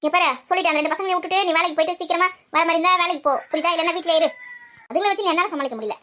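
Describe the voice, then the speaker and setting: A woman voicing a tired, grumbling old grandmother with an aching back, talking soft and low in a comic family skit. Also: very fast. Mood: scolding. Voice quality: soft and low, muttering to herself.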